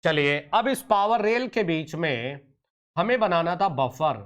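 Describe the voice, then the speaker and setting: A man leads an online exam-prep lecture in a high voice. He talks slowly and stretches out key terms. He calls his students dear children and sometimes scolds them like a teacher. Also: expressive, fairly bright tone, clean tone. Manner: teacherly, addresses students as "beta" and "pyare bachche", scolds and coaxes; drawn-out slow emphasis on key terms.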